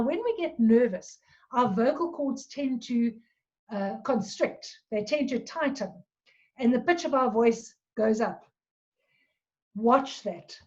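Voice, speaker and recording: A woman giving a talk on public speaking, with a clear, measured delivery and deliberate pauses. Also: fairly high pitch, a little mellow. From South Africa. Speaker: presentation coach. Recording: dull lo-fi recording.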